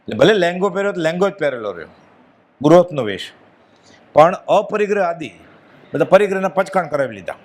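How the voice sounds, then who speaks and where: A man's voice: fairly high pitch, sing-song, brisk, long pauses. A man giving a devotional discourse with a Gujarati accent, earnest and emphatic, dropping his voice when quoting others. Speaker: spiritual speaker.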